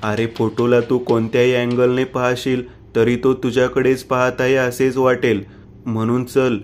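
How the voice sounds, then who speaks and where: A man's voice: mid-range voice, level tone, measured pace, a little mellow, lightly acted. A man voicing a skeptical young man in a horror story who brushes off the ghostly signs. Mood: dismissive.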